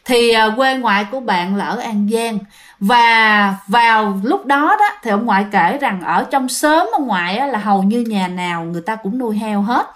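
A woman's voice: on the high side, animated, moderate pace, fairly bright tone. A woman narrating a ghost story in a chatty way, speaking directly to her listeners.

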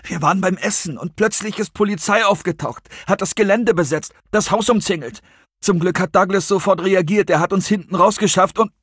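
Man voicing a young man in panic, breathless, shaky, raised high voice, audiobook. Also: fairly quick, fairly bright tone, husky, no echo, studio quality. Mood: panicked. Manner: breathless, shaky, near collapse. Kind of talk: audiobook character voice.

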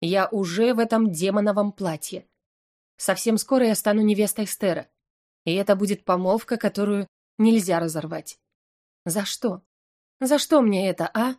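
Woman reading a story in first person, middle pitch, anxious wry expressive delivery. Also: normal speed. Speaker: audiobook narrator. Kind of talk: first-person audiobook narration.

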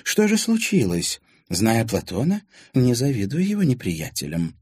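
A teasing, gracious older lady holds court in an audiobook scene, as a man puts her on. The voice is lifted high, husky and lively in its rise and fall. The recording is dry and close. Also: normal speed, no echo. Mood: coquettish. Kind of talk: audiobook character voicing.

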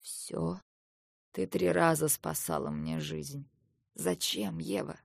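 A proud, wounded male dragon-shifter from a fantasy storybook, voiced by a woman narrator, speaking in a slow mocking drawl. The voice sits low and gravelly. The sound is dry and close. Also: big pitch swings, dry recording, exaggerated voice. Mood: hushed.

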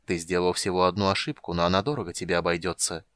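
A man reading the lines of a cold, commanding female goddess in an audiobook, slow and measured. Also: deep voice, fairly even intonation, a bit bright, dry recording. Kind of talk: audiobook character voice.

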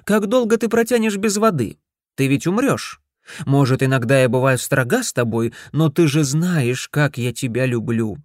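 Storybook wife: man putting on a shrill, bossy middle-aged woman, high and forceful, dry sound. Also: animated, normal speed, dry recording, close to an everyday voice. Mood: concerned. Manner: scolding, shrill, commanding.

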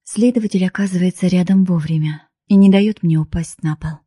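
Husky woman reading an emotional audiobook. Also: lowish voice, a little fast, dark tone, dry recording, clean studio sound. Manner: heartfelt, pleading. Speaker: audiobook reader. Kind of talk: emotional first-person audiobook narration.

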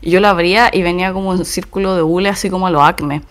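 Chilean woman retelling a film. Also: on the low side. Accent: Chilean Spanish. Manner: animated retelling, slangy, quick asides. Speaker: podcast co-host. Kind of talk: casual chat.

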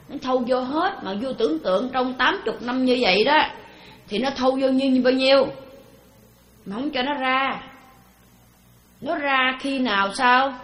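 A woman's voice: fairly high pitch, fairly bright tone. Woman giving a dharma talk. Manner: conversational, full of rhetorical questions. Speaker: Buddhist dharma teacher. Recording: roomy echo.

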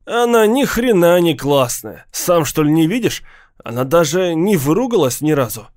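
A man doing a loud jeering gang boy. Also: a little high, sing-song, normal speed, voice pushed up. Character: rowdy foul-mouthed teen gang boy.

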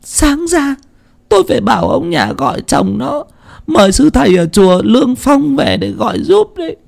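A man putting on a wailing, gravelly old mother. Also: sing-song, heavily acted. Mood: fearful. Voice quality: high, strained, gravelly. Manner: wailing lament with drawn-out cries. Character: grieving old village mother, wailing and frantic.

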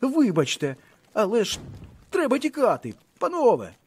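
A man voicing a panicked young male officer who shouts hysterically in a shrill voice. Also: wildly swooping pitch, normal speed, breathy edge, heavily acted.

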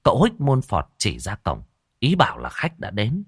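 Lively low male storyteller. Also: normal speed, husky, no echo, clean studio sound. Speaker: narrator. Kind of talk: audiobook narration.

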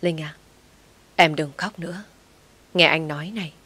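A tender young man, badly wounded, talks in a faint, breathless murmur to the woman he loves, as a woman narrator puts him on. His voice sits a little low and quiet in an audio story. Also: fairly even intonation, normal speed, breathy edge.

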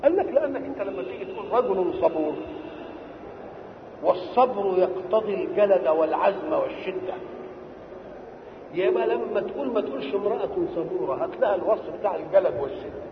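A man's voice: sits high, lively intonation, fast, background noise. A man with an Egyptian Arabic accent gives a Quranic exegesis lecture, posing rhetorical questions and answering them himself. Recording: dull old lecture recording in an echoey hall.

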